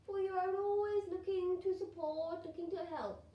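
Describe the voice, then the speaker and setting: A woman's voice: very high voice, steady tone, moderate pace, highs cut off. A woman speaking as a trance seance medium, delivering spirit messages in ceremonial, formal phrasing as a collective spirit. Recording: roomy echo, distant mic, faint noise.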